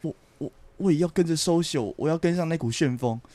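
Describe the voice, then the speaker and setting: A young man tells a story in a casual podcast chat. His voice sits a bit high and races along quickly, and laughter keeps slipping into his words. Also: no room sound. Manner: animated storyteller, laughs through his tale. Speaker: podcast co-host.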